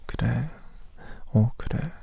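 A man whispering softly and dotingly as a boyfriend in an ASMR roleplay. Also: mid-range voice, dry recording. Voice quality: breathy whisper. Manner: soft, doting, slow murmuring.

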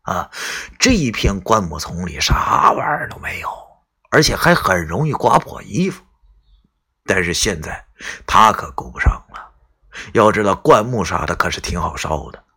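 A man's voice: low-pitched, animated, normal speed, pushed and bright, slightly rough. A man telling a folk story live, colloquial, with swearing asides.

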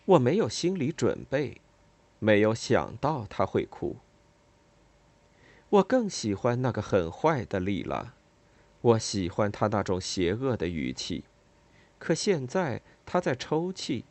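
A narrator giving a measured first-person audiobook reading with lively inflection. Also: mid-range voice.

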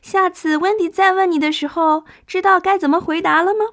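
A woman's voice: extremely high pitch, steady tone, a bit bright, a little hiss or hum. A young woman teaching English to small children, coaxing them along and stretching out each sound to demonstrate it. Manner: coaxing, drawn-out demonstrative phonics. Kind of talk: children's language lesson.

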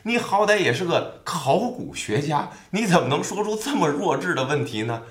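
A man's voice: a little high, sing-song, moderate pace, voice pushed up. A man doing a teasing young guy. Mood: mocking. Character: young male teammate, mocking and jokey. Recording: roomy echo.

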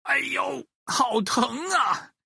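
A woman doing a dramatic, proud Monkey King, animated. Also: fairly high pitch, slow pace, vocal fry, husky, dry recording, studio quality, pitched above the performer's own voice, exaggerated voice. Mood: pained. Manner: exclaiming, dramatic. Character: Monkey King, proud male hero, boastful and easily wounded.

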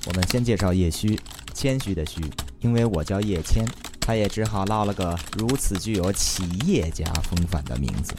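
Comic storyteller, man, Beijing accent, deep voice, wry mock-formal introductions, recorded with clear noise and keyboard clicking. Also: lively intonation, normal speed. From Beijing, China. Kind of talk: comic scripted narration.

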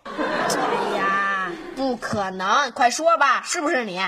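A cheeky teenage boy, with a high and very lively voice that swings from sly whispers to staged outcries. The sitcom track carries clear background noise. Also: slow. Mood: pressing. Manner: cheeky, theatrical, prone to mock outbursts. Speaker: son in a family sitcom.

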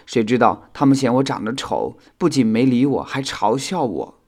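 A man's voice: medium pitch, expressive, moderate pace, a little mellow, pitched above the performer's own voice, close to an everyday voice. A man voicing a clumsy, sulky male insect in a children's audio storybook, talking in a whiny, apologetic way.

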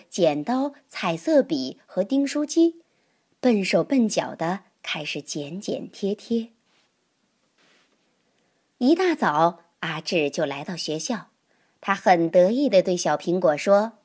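A woman reading a children's picture book aloud in an expressive, lively manner. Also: mid-range voice. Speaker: storyteller.

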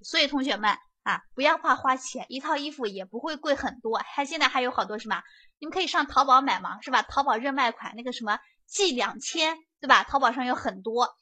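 Bright high-voiced woman lecturer. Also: slightly rough. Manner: chatty, keeps asking students to confirm. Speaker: interview prep lecturer. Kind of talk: lively classroom lecture.

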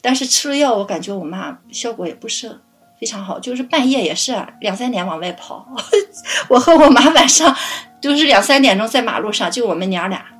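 爱笑健谈的中年女性. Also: female voice, on the high side, brisk, slightly rough, faint music behind. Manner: lively, laughing often while recounting. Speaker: family caregiver guest. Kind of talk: casual interview storytelling.

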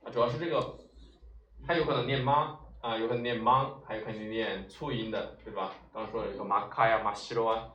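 A man's voice: lowish voice, steady tone, highs cut off. Man teaching vocabulary in a roomy space. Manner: frequent drawn-out "啊" and "哎" fillers, rhetorical questions. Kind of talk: explaining Japanese vocabulary in Chinese. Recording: roomy echo, mic at a distance, faint ambience.

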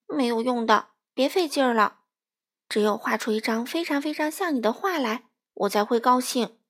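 A woman voicing a frustrated, quick-tempered young male frog in a children's storybook, with shouty, sulky complaints. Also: on the high side, close to an everyday voice. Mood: angry, frustrated.

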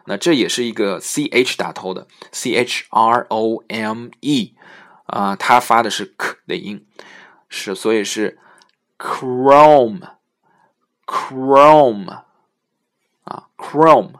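A man hosting a casual spoken English lesson. He talks in a relaxed way with many fillers and slows down to spell out English words. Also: fairly low pitch. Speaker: podcast host teaching English words.

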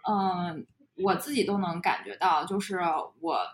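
A woman from China, co-hosting a podcast and talking in a reflective, measured, casual way. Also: on the low side. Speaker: podcast co-host. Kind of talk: casual conversation. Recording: echoey room.

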